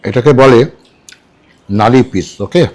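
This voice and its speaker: A man's voice: mid-range voice, measured pace. A man chatting casually at a restaurant table as a food vlogger, repeating dish names and checking in with viewers. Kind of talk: casual food vlog chat.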